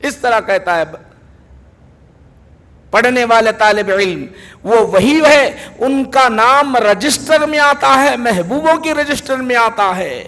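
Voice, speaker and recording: A man's voice: extremely high pitch, a bit bright. A man preaching a sermon in a mosque, fervent and repeating phrases for emphasis. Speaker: mufti preaching a hadith lesson. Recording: long hall reverb.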